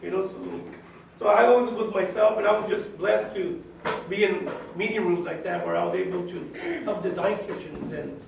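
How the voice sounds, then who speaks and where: Gravelly high-voiced man in an echoey room. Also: moderate pace. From California, USA. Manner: chatty and direct, full of "you know" and retold quotes. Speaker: guest speaker, chef and caterer. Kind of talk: casual talk to a class of students. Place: high school classroom. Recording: very echoey classroom, mic far off, faint hiss.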